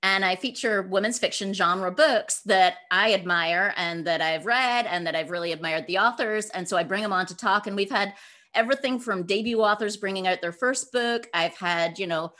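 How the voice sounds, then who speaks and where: Appearing as a guest, a woman who is an author and podcaster answers questions conversationally in a voice of average female pitch. Her delivery is informal, emphatic, and animated, moving at a moderate pace as she tells stories and acts out imagined dialogue.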